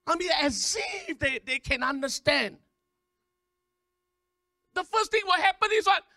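A man preaching a sermon, repeating words in quick stammering runs and calling on the congregation to respond. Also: very high voice, animated, pushed and bright, no echo, clean studio sound. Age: 50s. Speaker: pastor.

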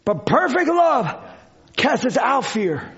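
Preaching slowly in a very high-pitched voice with big swings in pitch, a man delivers a fervent church sermon in non-native English. He exhorts and repeats himself, moving from shouting to quieter speech, captured in a dull, lo-fi recording.

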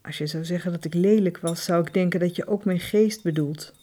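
A woman's voice: lowish voice, fairly quick, mellow, close to an everyday voice. A woman voicing a passionate married woman in love in an audiobook, earnest and urgent. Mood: insistent. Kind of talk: audiobook character voice.

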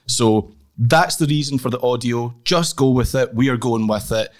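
A man's voice: medium pitch, moderate pace. Echoey Scottish male podcast host. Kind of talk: podcast introduction and chat. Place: small office room. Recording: echoey small-room sound.

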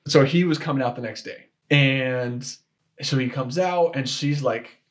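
A young man with a mid-range voice speaks a little slowly as a guest on a podcast. He shares a personal story in a rambling, casual way, frequently starting over and saying "like."

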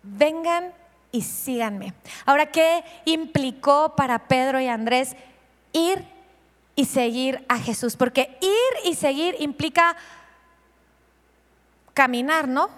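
A woman's voice: high-pitched, slow, pauses often, long reverb tail. A woman pastor preaching a sermon, asking the congregation questions and acting out the scenes she tells. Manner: lively, asks the congregation questions and acts out scenes.

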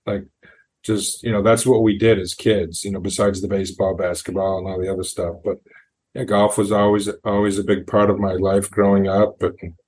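A man's voice: sits low, flat delivery, normal speed, darkish tone, slightly rough. A middle-aged man from New Hampshire, a golf coach, telling long rambling stories as a podcast guest. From New Hampshire, USA. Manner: rambling anecdotal storyteller, acts out quotes. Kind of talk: storytelling in an interview.

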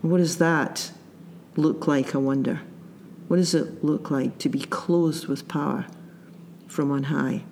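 A man preaching a sermon, reflective and unhurried, often repeating his key phrases for emphasis. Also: a little high, steady tone, vocal fry, darkish tone, slight background noise. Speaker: pastor.

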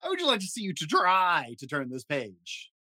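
A man's voice: high voice, huge pitch swings, normal speed, bright, forceful tone, no echo, clean studio sound, pitched above the performer's own voice, exaggerated voice. A man voicing a lovable, nervous furry monster who begs and frets in a storybook reading. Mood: pleading. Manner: fretful, begging, dramatic exclamations.

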